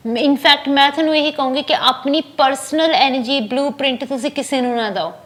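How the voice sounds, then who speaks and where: Woman host, spiritual reader on live TV; high voice, earnest and reassuring, code-switches into English, repeats herself for emphasis. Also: steady tone, normal speed, a bit bright. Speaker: spiritual reader hosting a live call-in show. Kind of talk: direct-to-camera advice talk.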